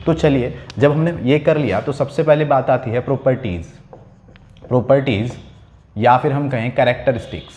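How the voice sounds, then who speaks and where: A man's voice: medium pitch, a little mellow. A male chemistry teacher giving a classroom lecture, explaining step by step and asking questions he then answers himself. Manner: slows down to dictate key lines. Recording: echoey room.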